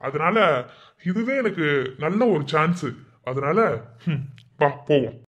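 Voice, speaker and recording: A man voicing a hot-tempered young village bully in an animated cartoon, threatening and taunting in a Madurai Tamil accent. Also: fairly high pitch, slow, highs cut off. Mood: menacing. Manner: taunting, threatening, rural slang.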